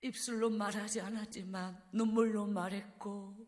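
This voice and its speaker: A woman evangelist preaching a revival sermon in a church, telling a personal story with deep emotion and dropping to a hush. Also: little pitch movement, moderate pace. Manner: emotional storytelling, dropping to hushed, breathy tones. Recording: reverberant church hall.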